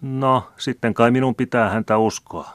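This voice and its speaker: A man's voice: mid-range voice, steady tone, no room sound, voice pushed up, lightly acted. A man reading aloud and voicing a pert young maidservant who mocks and teases. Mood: cheeky. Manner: pert, mocking. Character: cheeky young maidservant, woman.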